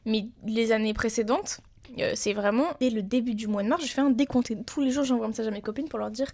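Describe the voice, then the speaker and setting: A young woman from France co-hosts a casual podcast chat. She talks fast and a little high. She giggles often between her quick sentences. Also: fairly even intonation, a little mellow. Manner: giggly and chatty, bursts of high laughter. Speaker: podcast co-host.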